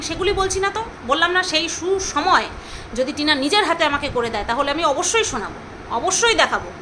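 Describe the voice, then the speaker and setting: High bright indignant woman vlogger. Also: slight background noise, poor audio. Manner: indignant, repeats herself, name-calling. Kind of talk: angry personal storytime vlog.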